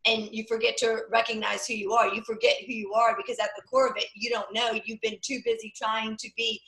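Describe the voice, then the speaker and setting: A woman's voice: a little high, little pitch movement, brisk, a bit bright. A woman hosting a casual podcast conversation, speaking emphatically and with passion. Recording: echoey room.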